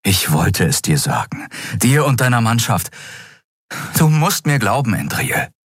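A man's voice: fairly low pitch, sing-song, measured pace, slightly rough, no room sound, clean studio sound, pitched above the performer's own voice, heavily acted. A man voicing a cornered young man who pleads and stammers, choking and gasping as he is held by the throat. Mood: pleading. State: choked, gasping for air.

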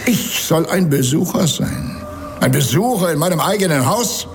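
An actor playing a wealthy, menacing country cousin in a radio drama, speaking in a formal, condescending, sanctimonious manner. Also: male voice, fairly high pitch, expressive, moderate pace, music in the background. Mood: indignant, haughty. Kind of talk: German radio drama acting.

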